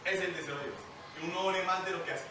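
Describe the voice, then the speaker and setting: A man preaching a lively, joking sermon, asking the congregation questions. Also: high voice, fast talker, background noise. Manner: jokey, animated, asks the congregation questions. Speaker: pastor. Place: church hall. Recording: echoey church hall, mic at a distance.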